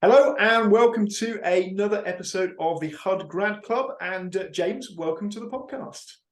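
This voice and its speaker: A man's voice: high-pitched, moderate pace. A man hosting an interview podcast, introducing the show and putting questions to his guest. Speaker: podcast host, university careers consultant.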